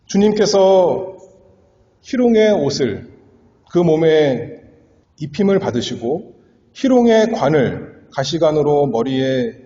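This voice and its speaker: A man's voice: on the high side, big pitch swings, slow pace, mellow. A male pastor delivering an earnest expository sermon, swelling and dropping for emphasis. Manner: earnest, dramatic swells and drops. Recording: echoey hall, dull lo-fi sound.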